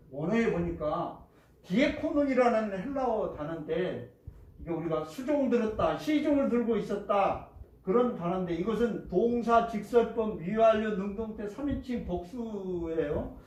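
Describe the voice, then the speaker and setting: In a church sanctuary, a man preaches with a high-pitched, expressive, slightly mellow voice at a normal speed, asking his congregation questions and performing prayers and complaints. The recording has a roomy feel from a distant microphone.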